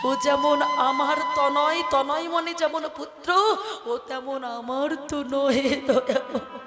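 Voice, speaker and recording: A woman's voice: high-pitched, lively intonation, moderate pace. A woman voicing a grieving old father who pleads with his lord in a devotional story. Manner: pleading, sorrowful. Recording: echoey hall with music.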